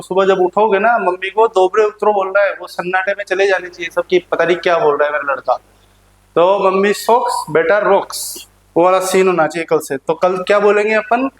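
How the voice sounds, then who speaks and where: A man teaching a playful lesson to students, repeating words slowly and joking with them. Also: sits high. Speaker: language teacher. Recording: echoey room.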